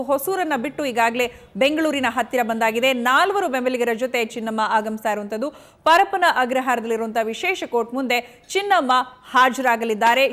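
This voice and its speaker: A fairly high-voiced woman with a Kannada accent anchors live breaking news. She keeps repeating the latest updates in an urgent tone, filling pauses with drawn-out fillers. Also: fairly bright tone. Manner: repetitive, urgent, with frequent fillers.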